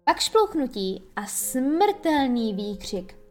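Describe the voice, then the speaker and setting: Expressive female audiobook narrator, bright higher voice, lively storyteller. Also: faint music behind. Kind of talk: audiobook reading.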